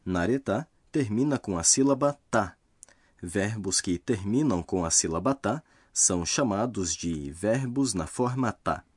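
Husky-voiced man narrating a lesson. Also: fairly low pitch, animated, a little mellow, dry recording. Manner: slow, careful explaining of grammar rules. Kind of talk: scripted language lesson narration.

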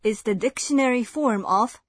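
A woman with a slightly high, breathy voice reads a scripted language lesson. Her explanations are clear and measured. The recording is dry and close. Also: no room sound.

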